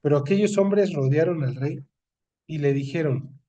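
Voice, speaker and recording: A man's voice: fairly high pitch, normal speed, mellow, distant mic, lo-fi sound. A man with a Mexican accent leading a Bible study, reading scripture aloud and explaining it in a conversational way, often checking in with "¿no?". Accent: Mexican Spanish. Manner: conversational, often asking ¿no? for agreement.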